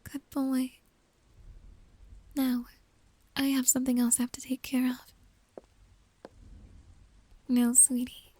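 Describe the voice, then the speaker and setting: A woman playing a possessive, manipulative girlfriend in an ASMR role-play, soft and breathy, with a creepy, coaxing, controlling manner. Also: sits high, completely flat delivery, slow, long pauses. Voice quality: soft, breathy, often soft-spoken. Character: possessive, manipulative yandere girlfriend, sweetly menacing.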